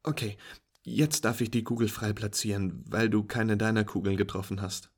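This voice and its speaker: A man's voice: fairly low pitch, fairly even intonation, moderate pace, slightly rough. A man voicing a friendly young woman who patiently teaches pool, playful and encouraging as she speaks. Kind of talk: storytelling with acted dialogue.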